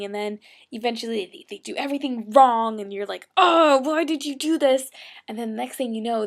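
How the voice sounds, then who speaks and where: A woman in her twenties talks casually to her webcam in a hyper, bubbly way. Her voice has a gravelly fry, and she slips into whispered asides between her chatter. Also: medium pitch. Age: 20s. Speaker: role-play blogger.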